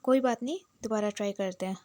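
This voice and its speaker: A woman voicing an earnest young man, pleading and excitable, in a recapped romance series. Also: mid-range voice, fast talker, no echo, close to an everyday voice.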